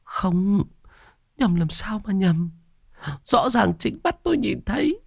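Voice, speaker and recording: A man's voice: high-pitched, big pitch swings, takes it slowly, gravelly, no echo, studio quality, pitched above the performer's own voice, exaggerated voice. A man voicing a terrified older village woman who stammers and insists on what she saw. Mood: frightened.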